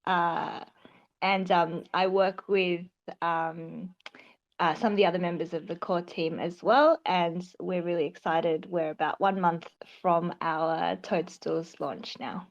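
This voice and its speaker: This is a woman's voice passed through a voice changer, sitting a little low and moving slowly. She hesitates often and fills gaps with ums. The sound comes over dull, lo-fi online audio. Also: steady tone. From Australia. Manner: hesitant, many fillers. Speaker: project co-founder. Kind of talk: casual chat in an online audio room.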